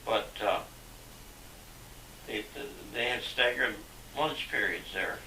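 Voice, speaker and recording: An older man, a father, reminiscing haltingly with many fillers and restarts, on an old VHS home video recording. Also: fairly low pitch, bright, forceful tone. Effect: old VHS home video sound. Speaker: father being interviewed. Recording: echoey, distant, hissy VHS tape.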